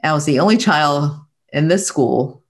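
A woman's voice: deep voice, lively intonation, measured pace. Guest: middle-aged Taiwan-born woman, earnest and reflective, video-call earbud sound. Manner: earnest, reflective, with soft laughs. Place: home room with bookshelves, indoors. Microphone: wired earbuds headset on video call.

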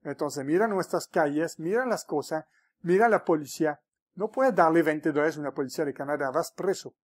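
A man's voice: on the high side, fairly quick. A man speaking as a mentor in a motivational vlog, emphatic and repeating words for stress, with frequent restarts. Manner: restarts and stumbles often.

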